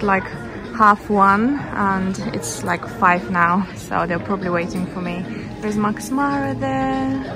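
Inside a large department store and boutiques, a young adult fashion vlogger chats casually to camera about her shopping trip, gushing with enthusiasm. Her voice is a little high. The busy store and its music can be heard in the background.

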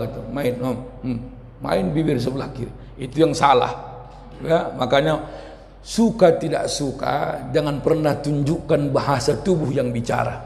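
A man preaching a lively sermon, loud and forceful, dropping into quiet asides and teasing the audience with questions. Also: fairly high pitch, creaky, slight background noise. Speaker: Islamic preacher. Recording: echoey hall reverb.

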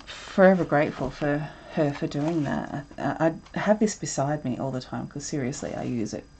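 Leading a live drawing session from her desk at home, a woman talks at a moderate pace in a low, slightly mellow voice. She's chatty and rambling, with lots of ums and self-interruptions, over slight background noise.

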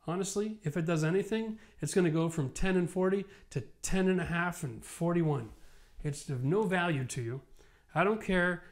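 On an indoor studio set with a whiteboard, a renovation expert host, a Canadian in his forties, walks through home renovation via a lapel mic. His voice sits a little high for a man; he sounds tired but talks emphatically and animatedly, working up to passionate rants.

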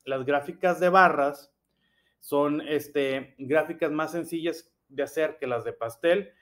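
A man's fairly high voice, teaching young pupils in a patient classroom manner. He goes over each point slowly and again, checking often that they follow. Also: fairly bright tone. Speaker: primary school teacher. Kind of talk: explanatory classroom lesson.

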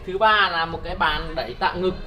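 A man's voice: fairly high pitch, fairly quick, bright, forceful tone, soft background music. A young man, hosting a casual prank vlog and chatting upbeat straight to his viewers. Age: young adult. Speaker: vlogger host. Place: outdoor yard and indoor storeroom.

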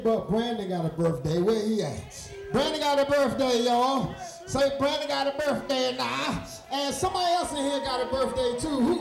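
A man from Washington, D.C., working as party DJ and MC, joking and shouting questions at the crowd. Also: very high-pitched. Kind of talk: hyping a party crowd on the mic. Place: large indoor party hall. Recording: echoey hall, taken from far off. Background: loud music and a crowd.

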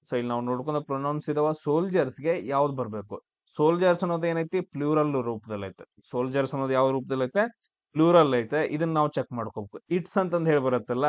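A man's voice: fairly high pitch, no room sound. A man teaching exam grammar, asking and answering his own questions. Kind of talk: classroom-style grammar lesson.

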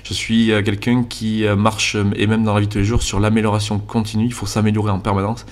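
A male gaming YouTuber in his twenties, from Landes in southwest France and carrying that regional accent, records voice-over commentary over gameplay. His lowish voice has a level tone, and he comes across as sincere yet hesitant, with frequent "euh" fillers. He uses a basic, cheap microphone.

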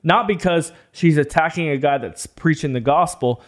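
A man in his thirties giving casual reaction commentary as a podcast co-host, emphatic and quick to qualify, on a close studio mic. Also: a little high. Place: small foam-treated studio. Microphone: close studio microphone on boom arm.

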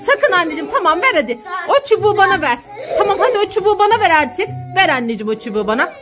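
A woman's voice: very high voice, sing-song, very fast, music in the background, crowd noise. A young mother scolding one daughter and soothing the other in a family vlog. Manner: scolding and pleading, switching to soothing. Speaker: mother filming her daughters.

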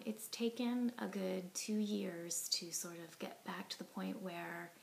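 A heart attack survivor in her forties tells her story to a device camera held close at arm's length in her living room, earnest and reflective. Her voice is a little low with a gravelly edge, often dropping to a soft, breathy tone, and she fills pauses with ums and you knows. The recording is low quality, with faint hiss underneath.

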